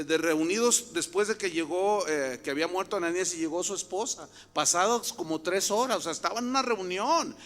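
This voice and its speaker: Emphatic preacher man, echoing hall. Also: high-pitched. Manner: emphatic, rising to loud outbursts. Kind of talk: sermon with storytelling. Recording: long hall reverb.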